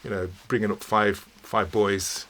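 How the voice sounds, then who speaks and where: A man's voice: fairly low pitch, level tone, a little slow, a bit bright. Middle-aged man, podcast guest, hesitant, fillers and repeats, studio. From England. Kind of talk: casual interview storytelling.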